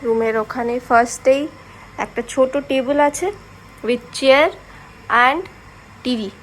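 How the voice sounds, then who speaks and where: A woman's voice: high voice, steady tone, takes it slowly, a little hiss or hum. A woman gives a hotel tour in casual vlog narration. She gushes with praise and fills her talk with "মানে". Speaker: travel vlogger. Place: hotel room and grounds.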